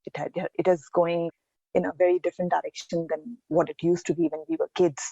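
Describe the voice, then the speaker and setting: A woman's voice: fairly low pitch, flat delivery, gravelly, warm tone, breathy edge, dry recording. Earnest woman from India, dull lo-fi sound. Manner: earnest, reflective, with pauses and restarts. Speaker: podcast guest. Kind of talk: casual interview answers.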